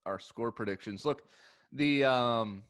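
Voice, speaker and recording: A man's voice: medium pitch, slow pace, fairly bright tone. A man co-hosting a casual golf podcast, laid-back, mostly giving short replies and laughing along. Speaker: podcast co-host. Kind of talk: casual chat.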